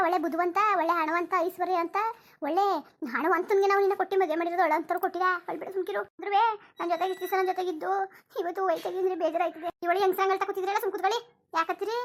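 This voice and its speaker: Coaxing cartoon village mother played by a woman, very high voice, brisk talk. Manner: soothing, coaxing, repeats endearments. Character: village mother, tender and reassuring to a bride. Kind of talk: cartoon voice acting.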